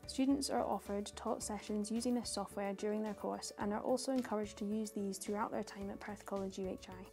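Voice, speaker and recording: A young woman giving a scripted guided tour, calm and informative like a guide, speaking clearly. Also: mid-range voice, fairly quick. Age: young adult. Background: background music.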